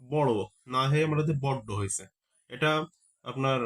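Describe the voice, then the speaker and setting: A man's voice: mid-range voice, normal speed. Man, grammar teacher, classroom lesson, repeats terms, asks the class questions.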